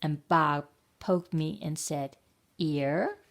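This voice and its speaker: A woman librarian reading a picture book aloud to children in a slow, expressive storytime voice. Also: low voice, gravelly.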